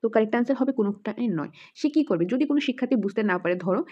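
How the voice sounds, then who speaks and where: A woman's voice: on the high side, animated, rapid-fire, dark tone, slightly rough, muffled recording. A woman teacher runs through exam questions, reading out the options, then restating each answer and mixing in English words. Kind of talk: quiz-style exam lesson.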